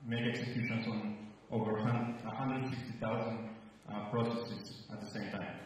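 A man in his thirties from Nicaragua giving a conference presentation into a handheld mic, halting with many fillers. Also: on the low side, level tone, slight background noise. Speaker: researcher giving a conference talk. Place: large room at a conference. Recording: roomy hall sound from a distant mic.

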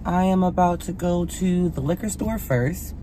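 A woman's voice: lowish voice, moderate pace, low-quality recording. A woman in her thirties chatting straight to her viewers in a casual car-talk vlog, recorded on a phone propped near the dashboard of a parked car at night. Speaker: vlogger. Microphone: phone propped on a stand near the dashboard. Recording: loud car and street noise. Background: car air conditioning hum.

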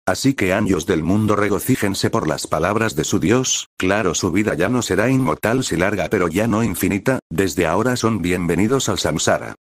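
Man reading a kid-like but wise god making a big proclamation, low deep voice. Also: moderate pace, hardly any pauses, dry recording, studio quality. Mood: proclaiming. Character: childlike yet wise male god.

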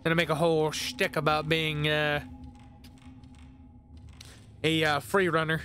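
A man's voice: fairly high pitch, little pitch movement, unhurried, pushed and bright, a little hiss or hum. A young man co-hosting a let's play, chatting casually with lots of fillers, restarts and giggles. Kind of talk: casual gaming banter.

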